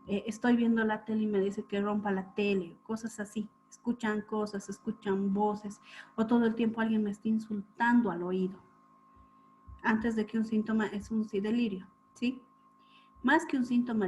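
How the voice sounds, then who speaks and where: A woman lecturing students on clinical topics, explaining step by step and often checking in with a quick question. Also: mid-range voice, a little mellow. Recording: dull lo-fi recording with faint hum.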